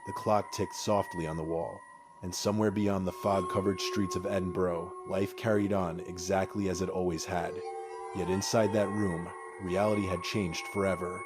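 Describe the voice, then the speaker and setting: A man narrates a first-person horror story in a solemn, measured way, with short phrases and deliberate pauses. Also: low-pitched.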